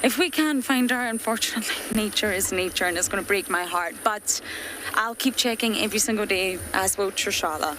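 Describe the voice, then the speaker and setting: Speaking a little fast in a mid-range voice, a Scottish woman with a Scottish accent works as a safari guide, chatting earnestly to viewers on a live game drive. She rides in an open safari vehicle out in the bush at dusk, and the recording picks up bush ambience and vehicle noise.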